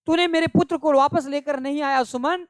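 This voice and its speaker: A man's voice: very high-pitched, steady tone, moderate pace, dry recording, clean studio sound, pitched above the performer's own voice. A teacher voicing an anxious grieving old king. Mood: anguished. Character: grieving old king calling for his son.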